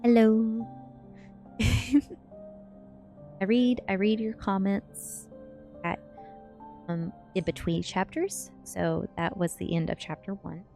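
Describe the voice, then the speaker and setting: Over background music, a drowsy woman streamer reads a book in ASMR fashion and chats loosely with her audience. Her medium-pitched voice is mellow and fairly flat, slow with long pauses and vocal fry.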